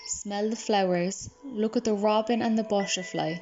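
A woman reading a guided relaxation script in a soft, soothing manner. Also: mid-range voice, moderate pace. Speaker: meditation guide. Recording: slightly dull recording. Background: calm music and birdsong.

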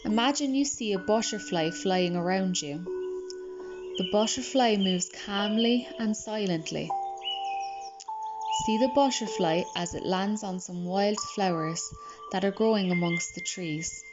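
A woman reading a guided relaxation script in a soft, soothing manner. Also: mid-range voice, a little slow. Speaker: meditation guide. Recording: slightly dull recording. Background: calm music and birdsong.

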